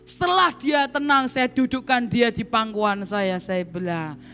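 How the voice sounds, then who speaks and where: A woman's voice: on the high side, a little slow, clean tone. A woman evangelist preaching a sermon in a church, telling a story and speaking directly to the congregation again and again. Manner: animated, often addresses the congregation directly. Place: church hall. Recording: long hall reverb, faint music.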